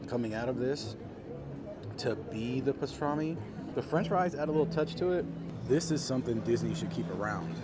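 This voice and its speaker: A man giving a casual vlog food review, savoring each item with enthusiasm as he rates it. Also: medium pitch. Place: outdoors at a busy theme park. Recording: music and park noise behind. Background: music, outdoor park and vehicle sounds.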